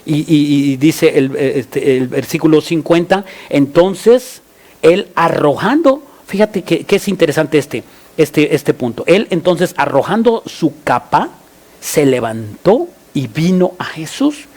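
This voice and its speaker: A man from Mexico preaching a sermon as pastor, halting often with fillers and restarts, and crying out prayers loudly. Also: fairly high pitch, animated.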